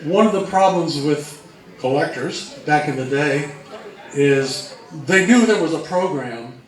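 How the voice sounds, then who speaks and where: Talking casually to an audience, a male co-presenter who researches old radio speaks at a measured pace with lively intonation and a voice on the high side. The roomy indoor space is very echoey, heard through a distant mic.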